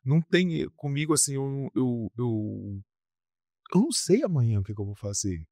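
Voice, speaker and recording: A man's voice: medium pitch, moderate pace, no room sound. Chatty storytelling man, dry sound. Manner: animated, repetitive storyteller with frequent fillers. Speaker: rock band singer, podcast guest. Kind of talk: casual storytelling interview.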